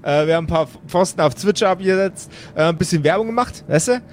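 A man plays a chatty, brash, irritable necromancer who runs a business in improvised tabletop role-play, boastfully rambling and repeating himself in crude slang. His natural voice is high-pitched and fast, with slight background noise.

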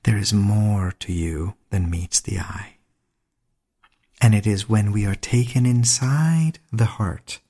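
A man giving a slow, reflective spiritual talk on mysticism, with deliberate phrasing and dramatic pauses. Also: lowish voice, creaky, dark tone, husky. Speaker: lecturer on mysticism.

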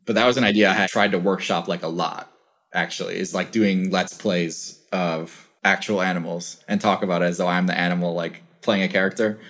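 A young man with a fairly low voice talks through his ideas in a loose, thoughtful way, leaning on "like" as he goes. He is a guest in a relaxed interview, heard over a video call. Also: a little fast. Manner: thoughtful, rambling, lots of "like" fillers. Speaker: interview guest, channel creator. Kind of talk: casual conversational interview.

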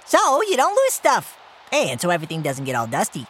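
A man voicing a silly, eager male cucumber sidekick who talks in a goofy, excitable way, in a cartoon audio play. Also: high voice, fairly quick, a little hiss or hum, exaggerated voice. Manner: goofy, excitable, rattles off lists.

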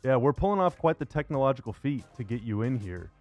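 This sports radio and podcast host talks quickly with big pitch swings in a medium-pitched, darkish voice. He opens the show upbeat and conducts a casual basketball interview, with faint music in the background.

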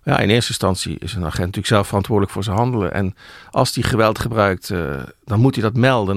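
A middle-aged male journalist explaining things in conversation, thoughtful and often pausing with hesitations and restarts. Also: lowish voice, creaky, no echo, studio quality. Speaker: journalist guest.

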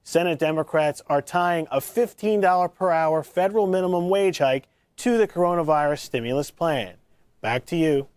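A man's voice: a little high, normal speed, smooth, no room sound. Man reading a news report, dry sound. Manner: steady, even delivery. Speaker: news correspondent.

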